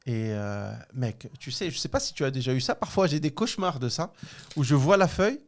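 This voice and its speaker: A man in his thirties from Morocco, telling a school story in casual chat, animated and frank, laughing often and using slang. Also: medium pitch, a little fast. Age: 30s. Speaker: podcast co-host.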